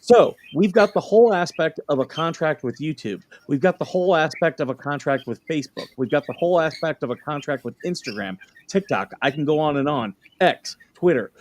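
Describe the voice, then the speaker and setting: A man's voice: on the high side, lively intonation, brisk, close to an everyday voice. A man playing a defensive, indignant plaintiff in a dramatic deposition reading, with hammy, sarcastic emphasis. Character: defensive, indignant male plaintiff under questioning.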